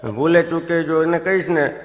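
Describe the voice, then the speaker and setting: A man's voice: on the high side, fairly even intonation, moderate pace, crowd noise. A man, telling comic stories on stage and voicing his friends in the quoted lines. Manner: chatty storyteller, voices friends in quoted lines. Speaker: stand-up comedian telling stories. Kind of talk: live comic storytelling. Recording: echoey hall with long reverb. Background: audience laughter.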